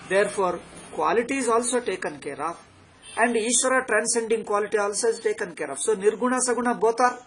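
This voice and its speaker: Lecturing extempore on philosophy, a South Indian-accented spiritual teacher repeats phrases emphatically to press his points. The high, fairly bright voice comes through poor audio with a little hiss or hum.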